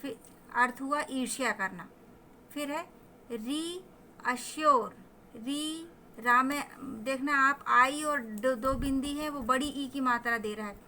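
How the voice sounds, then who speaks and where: A woman teacher, slowly drawing out English words and explaining their meanings in a vocabulary lesson. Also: high voice, bright, forceful tone, slight background noise. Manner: slow, drawn-out word pronunciations, mixing Hindi explanations with English definitions. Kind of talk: vocabulary lesson with pronunciation drills.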